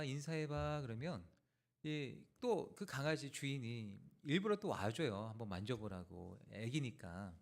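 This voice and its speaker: Animated Korean pastor preaching. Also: male voice, medium pitch. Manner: animated preaching, from hushed tender asides to raised emphatic declarations. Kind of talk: sermon. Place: church sanctuary.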